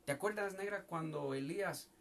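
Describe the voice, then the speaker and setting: Spanish-speaking pastor preaching at home. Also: male voice, a little high, moderate pace. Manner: preaching, repeats "hermano" often, rising and falling loudness. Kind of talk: sermon.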